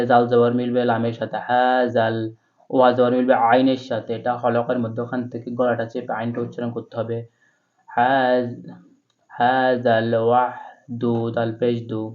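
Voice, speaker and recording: A man teaching Quran reading, spelling out letters and vowel marks one by one in a slow step-by-step lesson. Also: mid-range voice. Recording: tinny, phone-like sound.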